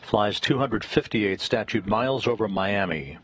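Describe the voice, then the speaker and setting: A man's voice: lowish voice, lively intonation, unhurried, noisy background. A man giving formal, factual live commentary as a mission commentator. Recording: narrow phone-like broadcast audio.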